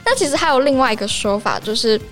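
Higher-pitched Taiwanese Mandarin woman teaching slang. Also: expressive, quick pace, fairly bright tone, soft background music. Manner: chatty, playful, acts out short examples. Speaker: podcast host and Japanese teacher. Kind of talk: casual language lesson explaining slang.

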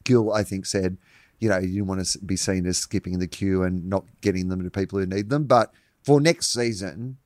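A man co-hosting a comedy sports podcast in casual, animated chat, swearing freely and laughing often. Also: low voice, brisk, dry recording, studio quality. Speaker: podcast co-host.

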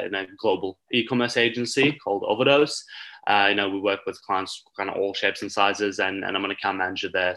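A young man from Turkey, a marketing guest on a podcast, talking in a relaxed way with lots of uh and you know. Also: sits low, poor audio. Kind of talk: casual interview.

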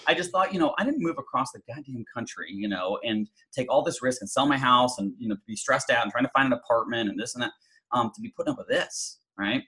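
A man's voice: medium pitch, animated, fast talker, sharp tone, poor audio. A middle-aged man telling a personal story in an interview, chatty, with many fillers and restarts. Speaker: guest.

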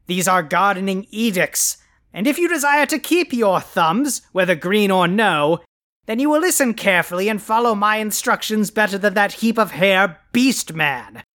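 A performer playing a boastful male supervillain who hosts a podcast, delivering grandiose, insulting proclamations with a quick temper. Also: mid-range voice, fairly bright tone, close to an everyday voice. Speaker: podcast host. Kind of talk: comic scripted podcast.

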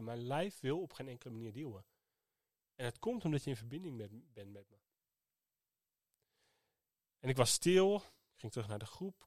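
A man's voice: mid-range voice, no echo, clean studio sound. Earnest man hosting a podcast. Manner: earnest, storytelling, emotional. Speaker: podcast host. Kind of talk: personal reflective podcast monologue.

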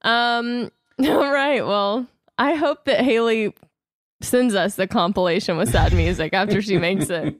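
A woman's voice: mid-range voice, unhurried, no echo, studio quality. A woman co-hosting a podcast, chatty and often laughing. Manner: giggly and chatty. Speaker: podcast co-host. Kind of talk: casual chat.

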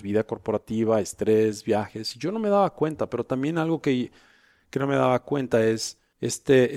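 A middle-aged man, a coach and guest, telling personal stories in a lively, dramatized way. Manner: animated, acts out dialogue with big pitch jumps. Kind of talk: conversational storytelling.

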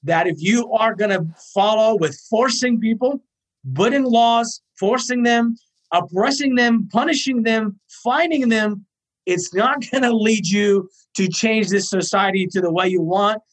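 A man's voice: sits high, measured pace. Emphatic man from Iraq. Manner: earnest, emphatic, repeats points in lists. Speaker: guest. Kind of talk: impassioned interview answers.

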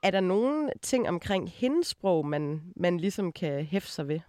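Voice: mid-range voice, very animated, a little mellow, no echo, clean studio sound. An interviewer from West Jutland asking probing questions with some hesitation. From West Jutland, Denmark. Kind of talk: conversational interview.

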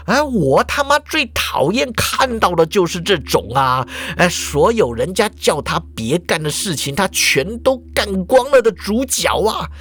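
A man voicing an excitable old male school principal who scolds and exclaims in drawn-out phrases. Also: sits high, breathy edge, heavily acted. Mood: ranting.

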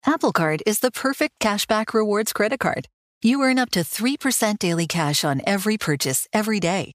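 A woman's voice: mid-range voice, animated, fairly quick, dry recording, studio quality. A woman reading a scripted advertisement with product terms as an announcer. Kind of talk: scripted ad read with legal disclaimer.

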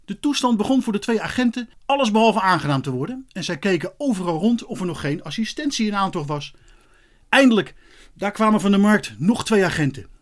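A man reads a children's story aloud with lively expression, his voice sitting a little high for a man. He keeps the storybook narration brisk and engaged.

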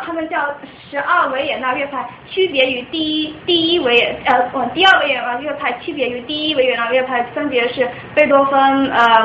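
High-voiced young woman lecturing in echoey room. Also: a bit bright. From China. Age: young adult. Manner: patient, explanatory, often restarts sentences. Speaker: guest music lecturer. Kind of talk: informal lecture explaining music theory. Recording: echoey room, dull lo-fi sound, faint noise.

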